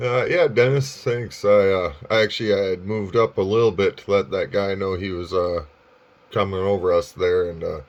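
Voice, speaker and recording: A man on a casual ham radio contact, heard over a fading shortwave signal, talking in a relaxed, halting way with many fillers. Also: low voice, highs cut off. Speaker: amateur radio operator.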